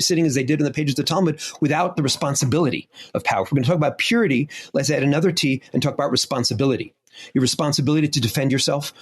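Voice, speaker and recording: A middle-aged historian, appearing as a guest, answers an interview question emphatically and with passion, listing his points. His voice is husky and on the high side.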